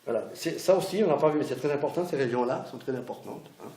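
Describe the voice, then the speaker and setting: A man's voice: on the high side, animated, fast, dark tone. A middle-aged man leads a hands-on massage class, chatty and checking in with his students. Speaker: massage instructor. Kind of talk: hands-on teaching demonstration. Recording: roomy echo, faint background noise.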